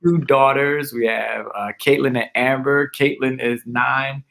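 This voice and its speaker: A man's voice: medium pitch, a little slow, gravelly. Laid-back New pastor, chatty man. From Brooklyn, New York. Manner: relaxed, chatty, self-joking. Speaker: pastor, guest. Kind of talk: casual interview chat.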